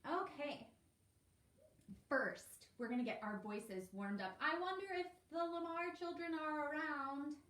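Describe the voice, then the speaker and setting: A woman's voice: high-pitched, measured pace, fairly bright tone. A woman teaching an elementary music lesson over a home livestream, talking to young children in an encouraging, sing-song way. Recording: roomy, distant, faint background hiss.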